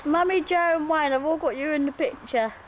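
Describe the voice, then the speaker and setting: A woman's voice: sits high, fairly quick, highs cut off, a little hiss or hum. A woman filming a family home video, giggling and calling out to the others, heard on an old camcorder tape. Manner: giggly, shouting encouragement. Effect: old VHS home video tape sound. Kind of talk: casual family chatter behind the camera. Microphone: camcorder microphone.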